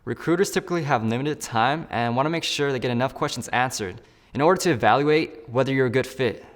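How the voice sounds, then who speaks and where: Against a long reverb tail, a medium-pitched man talks quickly as he acts out being a candidate in a phone interview. The role-play is scripted, and he upbeatly breaks off to walk the viewer through every step.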